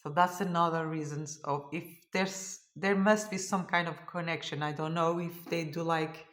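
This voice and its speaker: Her deep, a bit bright voice carries fairly even intonation at a moderate pace, with reverberant acoustics. The cross stitch host, whose first language is Portuguese, is tired after a long day and chats casually, thinking aloud and searching for words in her show-and-tell vlog.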